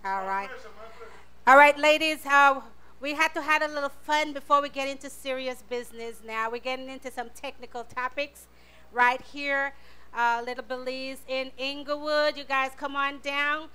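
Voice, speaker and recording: A woman's voice: sits high, steady tone, normal speed, bright, forceful tone. A woman hosting a live community radio talk show, thanking sponsors and welcoming guests to an audience.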